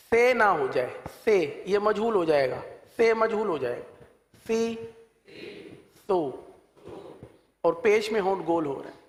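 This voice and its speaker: A man's voice: high voice, a bit bright. A man with a Pakistani Urdu accent teaching Quran letter sounds, patiently repeating syllables for learners to copy. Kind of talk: slow classroom recitation lesson. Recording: echoey room with long reverb.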